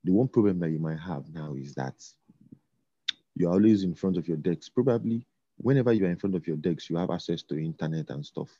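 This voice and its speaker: A man talking in a relaxed conversation, halting and repeating himself with many fillers. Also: deep voice, no echo. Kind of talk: casual conversation. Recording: dull lo-fi sound.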